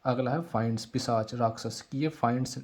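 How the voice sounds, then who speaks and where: A man's voice: medium pitch, moderate pace, a little mellow. A man teaching vocabulary in a casual explanatory lesson, repeating words over and over as he drills rhyming memory tricks.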